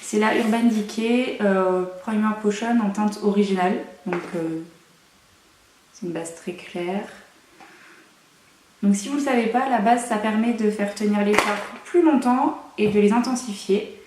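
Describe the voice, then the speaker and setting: A woman's voice: mid-range voice, measured pace, darkish tone, far from the mic, slight background noise. A young woman chatting through a makeup tutorial at home, with playful, self-mocking asides. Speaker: beauty vlogger. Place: room at home. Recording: echoey room, mic set away.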